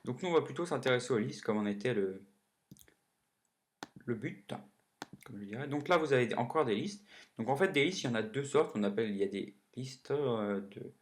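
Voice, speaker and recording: A man's voice: mid-range voice, slight background noise. A man hosting a casual coding lesson, chatty and full of fillers, self-corrections and little joking asides. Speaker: coding tutorial host.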